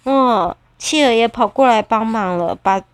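A woman reading a storybook aloud to a child, lively and animated, with sound effects. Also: on the high side, unhurried, clean tone, no room sound.

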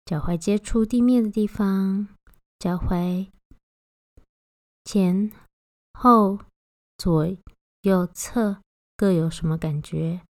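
A woman guiding a body-scan meditation, giving gentle, unhurried instructions with long pauses between phrases. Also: medium pitch, dry recording, studio quality. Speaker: meditation guide.

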